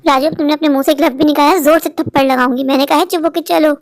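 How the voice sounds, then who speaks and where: A woman's voice: high voice, steady tone, fast, no room sound, studio quality, pitched below the performer's own voice. A woman voicing a harsh young mother in a cartoon story, scolding curtly. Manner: scolding, curt. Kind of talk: dubbed Hindi cartoon story.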